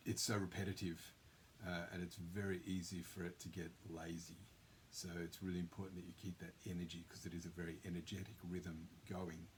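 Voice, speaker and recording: A man's voice: low-pitched, a little hiss or hum. A man conductor giving casual practice tips to his orchestra, now and then singing rhythms on nonsense syllables. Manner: relaxed, conversational, sings rhythms with syllables. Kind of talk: instructional talk to orchestra members.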